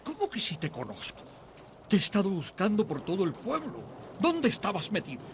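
A man's voice: high-pitched, huge pitch swings, a little fast, slight background noise, exaggerated voice. An actor dubbing a friendly small-town policeman who asks blunt, concerned questions, in film dialogue. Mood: puzzled.

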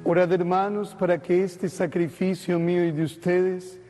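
High mellow priest in cathedral echo. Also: male voice, flat delivery, faint music behind. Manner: measured, solemn liturgical recitation. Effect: long cathedral-like echo. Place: large church. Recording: long echoing church reverb.

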